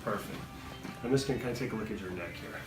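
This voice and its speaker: A man working as a chiropractor, calmly and soothingly guiding a patient through hands-on treatment in short, gentle instructions. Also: lowish voice, very fast. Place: indoor treatment room. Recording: echoey room, distant mic, music underneath. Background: music.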